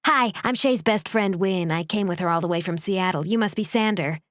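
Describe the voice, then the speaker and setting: Woman voices an upbeat, forward young woman, higher than the narration, dry read. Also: fairly quick, no room sound, natural voice. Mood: chirpy. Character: bubbly, forward young woman, the best friend.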